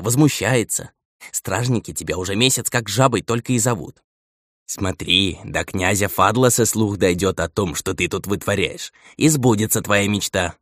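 A man's voice: on the low side, dry recording, studio quality, voice pushed up. A man voicing a stern scolding old steward. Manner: nagging, lecturing elder.

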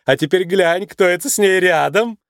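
A man reading a storybook, voicing a chatty, excitable male cheetah police clerk who gushes and giggles. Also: high voice, normal speed, dry recording, studio quality, pitched above the performer's own voice. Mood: gushing.

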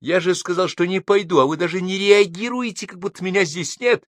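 A man's voice: sits high, fairly quick, dry recording, pitched above the performer's own voice, natural voice. A male reader voicing an exasperated, harried man who keeps protesting.

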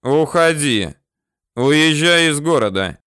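A ruthless gunman, as a male reader plays him laying down loud, deliberate threats, each word spaced out slowly. The voice sounds smooth and close, with no room around it. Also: a little high, animated, no room sound, pitched above the performer's own voice. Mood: commanding. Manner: loud, slow, threatening declarations. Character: hard, ruthless gunman, man, calm menace.

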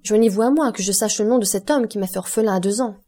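A woman's voice: mid-range voice, fast, warm tone, natural voice. A woman reading an audiobook voices a young man, an anguished son pleading urgently to learn who killed his father. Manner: pleading, urgent, rising intensity.

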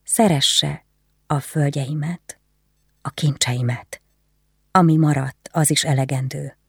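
A narrator doing a shy young noble widow. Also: female voice, sits low, gravelly, husky, dry recording, studio quality, full character voice. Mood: soft.

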